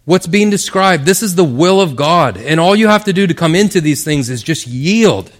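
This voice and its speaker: A man's voice: on the high side, animated, normal speed. A man preaching a sermon in an earnest, conversational way, often asking his listeners "right?". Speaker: pastor.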